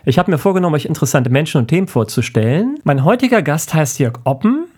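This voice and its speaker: A man's voice: fairly high pitch, very animated, fast talker, darkish tone, slightly rough. A man hosting his own podcast, introducing his guest and asking short, friendly questions. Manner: friendly, asks short questions, frequent affirming murmurs. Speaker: podcast host. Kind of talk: podcast interview.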